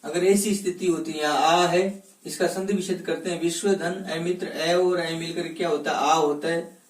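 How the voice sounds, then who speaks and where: A male teacher giving a classroom grammar lesson, asking questions and answering them himself, breaking words slowly into their parts. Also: fairly high pitch, fairly even intonation, recorded from a distance. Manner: slow and deliberate, stresses each part of a word. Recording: echoey room, voice from off mic.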